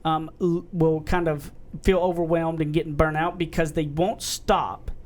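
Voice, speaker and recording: A man's voice: on the high side, flat delivery, normal speed, darkish tone. A man with a twang co-hosting a podcast in casual, rambling chat. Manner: rambling, earnest, self-described redneck voice. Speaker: podcast co-host.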